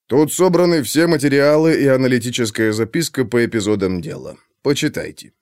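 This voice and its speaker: A man's voice: medium pitch, fairly quick, darkish tone, clean tone, dry recording, studio quality, close to an everyday voice. A man voicing a terse, firm male security-service major in an audiobook.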